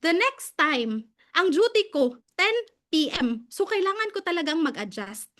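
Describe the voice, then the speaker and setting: Bright high-voiced Filipino woman storyteller. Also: measured pace. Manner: animated, laughs often, mixes Tagalog and English. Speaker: guest speaker. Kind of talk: casual storytelling talk.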